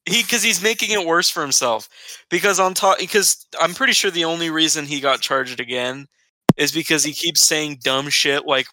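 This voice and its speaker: A man's voice: on the high side, normal speed, pushed and bright, slight background noise, low-quality recording. A young man co-hosting a casual chat, giving blunt opinions and swearing casually. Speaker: podcast co-host.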